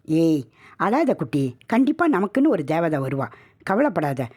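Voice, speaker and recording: A woman's voice: sits low, very animated, measured pace, dark tone, breathy edge, no echo, studio quality, heavily acted. A woman voicing a loving, playful young husband in a spoken horror story. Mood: comforting. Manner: playful, coaxing.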